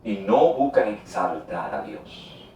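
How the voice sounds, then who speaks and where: A man's voice: low voice, very animated, slow, a little mellow, heavy reverb, far from the mic, slight background noise, low-quality recording. A man interviewing a guest in church, affirming him and speaking directly to the audience.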